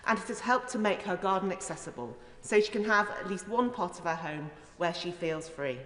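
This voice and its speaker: A woman MP speaks briskly and expressively in a lowish, fairly bright voice. Her speech in the formal debate is earnest, emphatic and rhetorical, and the large indoor chamber gives it a reverberant echo.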